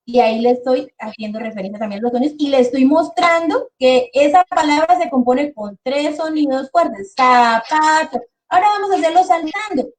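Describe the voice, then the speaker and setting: A woman speech therapist presenting a webinar to parents and teachers, explaining patiently and slowing down to model words the way she would for children. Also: high voice, a little mellow, a little hiss or hum.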